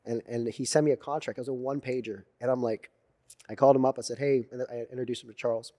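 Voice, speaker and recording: A man telling animated stories as a guest in a casual interview, swearing freely and acting out what others said. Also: medium pitch, fast talker. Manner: animated storyteller, swears freely, acts out quotes. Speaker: podcast guest.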